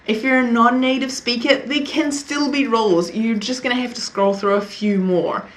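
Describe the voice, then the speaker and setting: Sitting on the high side with a steady tone and moderate pace, this young woman speaks with a Kiwi accent from New Zealand. In her casual to-camera vlog she's chatty, laughs frequently, and makes self-deprecating remarks.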